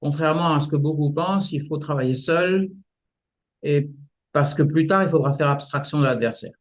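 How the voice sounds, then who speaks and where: A man explaining martial arts practice in a relaxed interview, often restarting his sentences and using images. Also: fairly high pitch, moderate pace. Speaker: martial arts teacher, guest.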